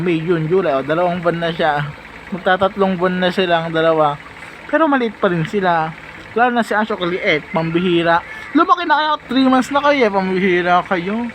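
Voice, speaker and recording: Playful high-voiced young man doting on cats. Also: slight background noise, poor audio. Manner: playful, doting, talks to his cats with sudden squealing exclamations. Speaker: vlogger. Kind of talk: casual vlog talk to camera.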